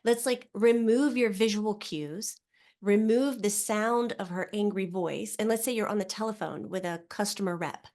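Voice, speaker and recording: A woman, a psychic medium guest, talking casually on a podcast and acting out quoted voices with lively swings. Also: mid-range voice, normal speed. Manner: animated, acts out quoted voices.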